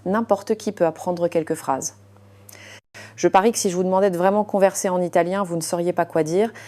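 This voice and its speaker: A woman voicing an arrogant rich man who bullies and shouts at a waitress, in an audio story. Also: lowish voice, fairly even intonation, brisk, natural voice. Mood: scornful. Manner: shouting, mocking, imperious.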